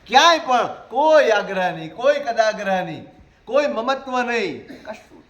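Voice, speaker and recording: A man, a Jain monk, preaching a sermon in a conversational way, with rhetorical questions and gentle humor. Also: sits high, sing-song, normal speed, muffled recording.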